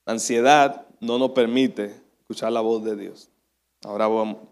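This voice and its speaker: A young man preaching a sermon as a pastor, chatty and self-deprecating, laughing often. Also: medium pitch.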